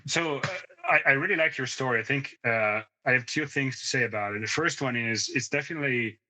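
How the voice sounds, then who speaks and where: A man's voice: mid-range voice, a little fast, pushed and bright, poor audio. A man in his thirties, co-hosting a podcast in casual conversation, who tells rambling stories, sidetracks and laughs often. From moved to the United States ten years ago. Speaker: podcast co-host.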